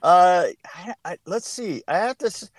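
A man's voice: sits high, animated, measured pace, noisy background. A man telling rambling behind-the-scenes stories as an interview guest, with many restarts and bursts of laughter. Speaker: production designer guest. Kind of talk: casual interview chat.

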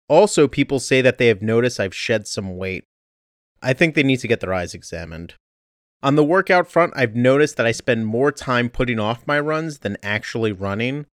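A man's voice: medium pitch, dry recording. Man talking under a blanket, dry. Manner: chatty, self-deprecating. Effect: recorded under a blanket, muffled and dry. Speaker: podcast host. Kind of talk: casual solo podcast update. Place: under a blanket at home during a heat wave.

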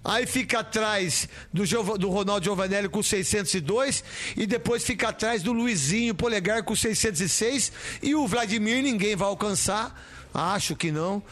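A man's voice: high voice, moderate pace, a bit bright. A Brazilian man hosting casual, opinionated chat, blunt and given to rants, repeating words for emphasis.

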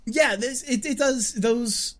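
Relaxed, laid-back podcast co-host. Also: medium pitch, slow. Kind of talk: casual chat reviewing an anime.

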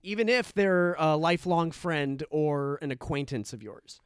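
A man's voice: on the high side, lively intonation, a little slow, clean tone, no echo, clean studio sound. A man co-hosting a podcast in casual chat, explaining things and thinking aloud with restarts. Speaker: podcast co-host.

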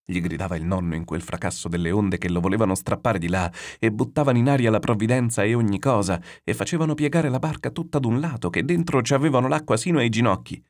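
A man with a low voice reads a classic novel aloud as narrator. His delivery is steady and descriptive, a literary audiobook narration. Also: fast, hardly any pauses.

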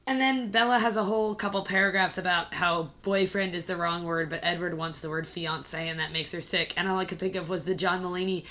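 A woman podcast co-host with a hoarse, scratchy smoker's rasp, chatting casually and wryly about a book. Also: on the low side, fairly even intonation, brisk, few pauses, fairly bright tone. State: hoarse after flu.

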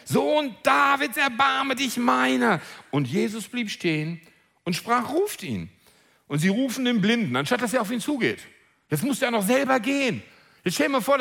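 High-voiced man preaching with passion. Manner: animated storytelling, acts out voices, repeats words when excited. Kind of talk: sermon.

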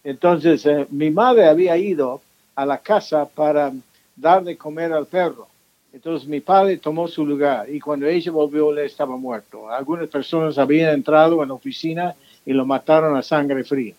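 A man with a slightly higher voice speaks in an interview, stopping often on fillers and restarting his phrases. The sound is dull and lo-fi. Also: normal speed. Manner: hesitant, many fillers and restarts. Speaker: author and pastor guest. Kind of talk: interview conversation.

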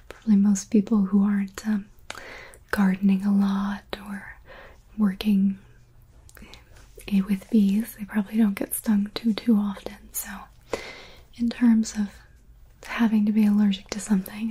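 A young woman whispering softly and reassuringly, in a whispered medical roleplay as a paramedic. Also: mid-range voice, slightly rough.

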